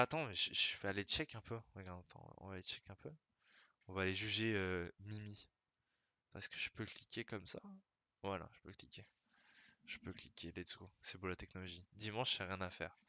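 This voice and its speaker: A man's voice: fairly low pitch, bright, forceful tone, no echo. A young man streaming live, chatting casually in a rambling, slangy way that keeps interrupting itself.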